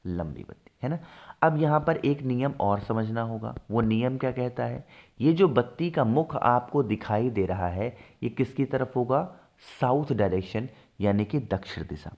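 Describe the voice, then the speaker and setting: A man teaches devotional rituals at an ordinary middle pitch, moving step by step. He often asks his listeners a question and answers it himself, slowing down on the key instructions. The recording sounds slightly muffled. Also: expressive, gravelly. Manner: slows down to stress steps.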